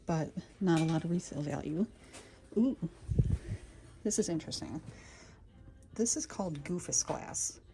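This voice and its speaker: Brief: woman reseller, lowish voice, unhurried, murmurs to finds in a busy shop. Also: background noise. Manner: excited whispering asides to items. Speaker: vintage reseller. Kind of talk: thrift store vlog narration. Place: thrift store aisles.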